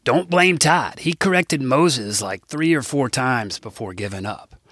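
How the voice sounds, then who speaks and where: A man's voice: mid-range voice, lively intonation, measured pace, a bit bright, no room sound, studio quality. A man reading his own comic novel aloud, with wry, irreverent asides to the listener. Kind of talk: comic audiobook narration.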